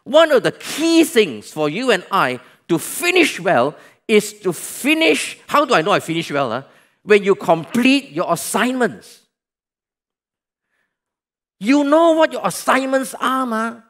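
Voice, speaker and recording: High-pitched, dramatic Malaysian male preacher. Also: big pitch swings, a little slow. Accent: Malaysian English. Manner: dramatic preaching, swinging from loud exclamations to hushed near-whispers; repeats points and asks the congregation questions. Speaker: pastor. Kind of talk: sermon.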